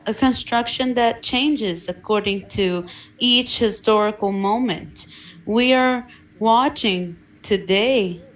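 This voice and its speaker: A woman working as an interpreter on a video call, speaking in steady, formal phrases. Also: medium pitch, poor audio. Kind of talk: simultaneous interpreting for a panel.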